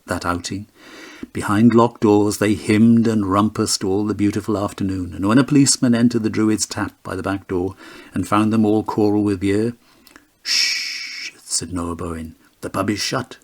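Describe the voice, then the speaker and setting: Man reading an audiobook, lowish voice, lyrical storyteller feel. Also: fairly even intonation, normal speed, a little mellow. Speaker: audiobook narrator. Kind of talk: audiobook narration.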